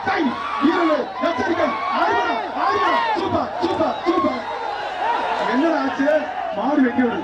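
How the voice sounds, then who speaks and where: A man announcing an outdoor event through a loudspeaker, shouting and repeating short calls in live commentary. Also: very high voice, animated, unhurried. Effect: through a loudspeaker system. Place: outdoor bull-taming arena. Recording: echoey, distant, dull loudspeaker sound. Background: loud cheering crowd and noise.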